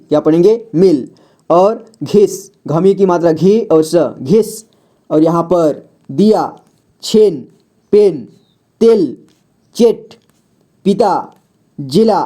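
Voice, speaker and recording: A teacher walks beginners through a reading lesson in voice-over, speaking unhurriedly and sounding out every word. The voice is warm and relaxed. Each word is repeated, and a question to the learner is answered right away. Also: mid-range voice. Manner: patient, repeats words and checks with "ठीक है"; asks the viewer questions, then answers them.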